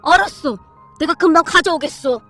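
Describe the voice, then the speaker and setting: A woman's voice: sits high, a little fast, fairly bright tone, no room sound, soft background music. A woman voicing a mild, sheepish old father-in-law.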